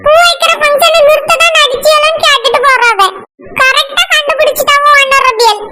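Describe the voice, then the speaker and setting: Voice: very high-pitched, fairly even intonation, normal speed, very noisy. A performer voicing a sly old mother-in-law in a cartoon who fakes illness and talks in a weary, pleading way. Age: older.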